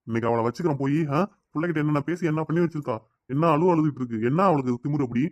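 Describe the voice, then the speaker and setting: A man's voice: a little high, very fast, no room sound, lightly acted. A man voicing a protective, scolding father. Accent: Tirunelveli Tamil. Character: protective middle-aged father, quick to scold. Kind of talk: cartoon dialogue.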